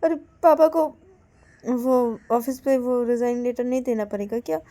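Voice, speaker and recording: A woman voicing Payal, a tearful, clingy young woman who protests in a high, whiny voice in a storybook tale. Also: steady tone, measured pace, mellow, natural voice.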